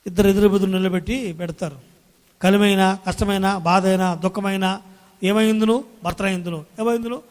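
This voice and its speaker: Male pastor, high pitch, animated sermon with call-and-response, church hall with long reverb. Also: brisk. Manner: animated preaching, calls Praise the Lord and hallelujah to the congregation; acts out quoted spouses in everyday scenes. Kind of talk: Sunday sermon.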